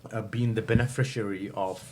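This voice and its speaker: A man's voice: on the low side, fairly even intonation, a little fast, a little hiss or hum. Thoughtful man in his fifties. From England. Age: 50s. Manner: thoughtful, many fillers, self-correcting. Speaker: guest. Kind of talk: reflective interview answers.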